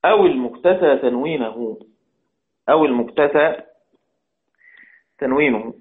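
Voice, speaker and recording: A man teaching Quran recitation rules, repeating each phrase and chanting the quoted verses slowly. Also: medium pitch, expressive. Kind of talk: religious lesson. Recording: tinny phone-like audio.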